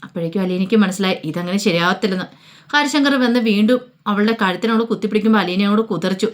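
A woman narrating a dramatic story in a casual, colloquial way. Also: medium pitch. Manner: rapid, casual retelling.

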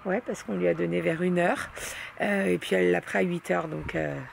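A young woman vlogging to her followers in a relaxed, chatty way, pausing often with fillers as she talks. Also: lowish voice, gravelly, a little hiss or hum. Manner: chatty, full of hesitations and fillers. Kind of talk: casual chat to camera.

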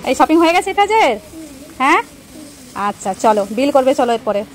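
A young woman with a high, sing-song voice talks briskly while filming her children, playfully teasing them and narrating to viewers in a casual family vlog. Faint music sits behind the low-quality recording.

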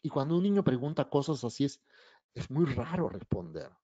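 Man, middle-aged author, storytelling, mellow voice, dull dry recording. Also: mid-range voice, fairly quick, no room sound. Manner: animated storyteller acting out dialogue. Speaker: children's book author. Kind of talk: anecdotal talk.

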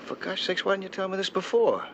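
A wry, easygoing diver hero. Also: male voice, lowish voice, animated, fairly quick, loud music behind the voice. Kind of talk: 1960s TV drama acting. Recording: dull lo-fi 1960s TV soundtrack.

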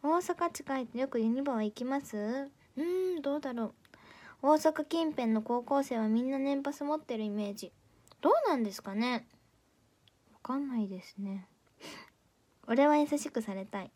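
A woman's voice: high-pitched, moderate pace, warm tone. A teenage girl with a Kansai accent, an idol audition candidate chatting casually on a livestream, playfully teasing as she reads viewer comments. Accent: Kansai Japanese.

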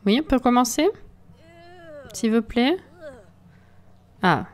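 A woman's voice: fairly high pitch, expressive, takes it slowly, a little mellow. A woman hosting a let's play from home into a desk mic, giving casual, exasperated commentary and talking to the game characters.

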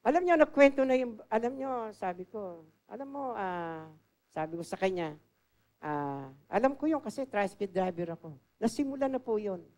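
Lady preaching, chatty story style, mixes in english phrases, goes loud then quiet. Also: medium pitch, animated, normal speed. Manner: conversational, switches often between loud and soft; drops English phrases into her talk. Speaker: preacher and assistant pastor. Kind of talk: storytelling sermon.

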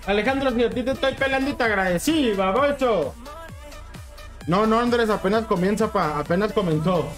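Brief: young Mexican gaming streamer, high voice, pumped up and slangy, faint music behind. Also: male voice, normal speed. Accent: Mexican Spanish. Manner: hyped, slangy, keeps urging chat. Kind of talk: casual livestream chat with viewers.

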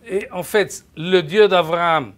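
In a lecture room fitted with a projector screen, a French-speaking older man lectures a live Bible class, his voice pitched high. He stumbles, restarts often, repeats words, and pushes his volume up to be heard, since he has no microphone and the camera sits far away.

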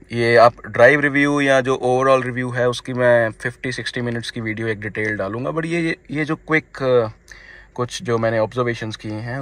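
A man in his thirties with a slightly hoarse throat, giving a casual spoken review of his new car from inside it and talking to viewers as friends. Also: mid-range voice, fairly bright tone. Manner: chatty, mixes English phrases into his talk, addresses viewers as friends.

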